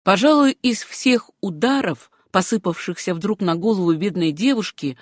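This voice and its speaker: A woman narrating a novel as an audiobook in a measured, literary manner. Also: mid-range voice, animated, no echo, studio quality. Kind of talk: scripted narration.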